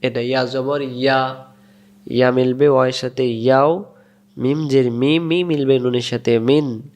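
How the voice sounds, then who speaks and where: A man with a Bangladeshi Bengali accent teaching Quran reading, spelling out syllables and repeating each word slowly. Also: medium pitch, fairly even intonation, a little mellow. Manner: patient, drills syllables and repeats words slowly. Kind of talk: slow spelled-out recitation lesson.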